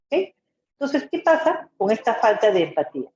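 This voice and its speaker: In an informal webinar-style lecture, a psychology lecturer with a Peruvian Spanish accent speaks at a moderate pace in a slightly high, very animated, darkish voice. She teaches didactically, frequently checking in with short tag questions, and the audio is dull, muffled and echoey.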